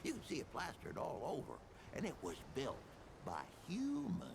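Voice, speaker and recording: A man playing a boastful, forgetful old storyteller in a video game, with a gravelly grandpa voice and folksy, rambling delivery. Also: a little high, huge pitch swings, moderate pace, noisy background, exaggerated voice. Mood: secretive, boastful. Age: older. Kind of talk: video game character dialogue, tall-tale storytelling.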